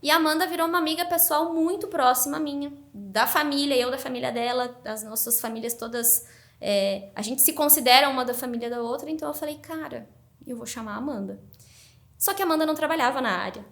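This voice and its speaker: Woman, high-pitched, animated, casual storytelling, podcast guest. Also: quick pace. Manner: animated, excited narration.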